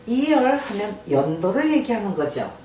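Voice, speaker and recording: An older woman giving a patient English lesson, saying each phrase slowly and then explaining it. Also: mid-range voice, big pitch swings. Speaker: teacher. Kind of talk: slow spoken English lesson. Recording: echoey room from far off with faint noise.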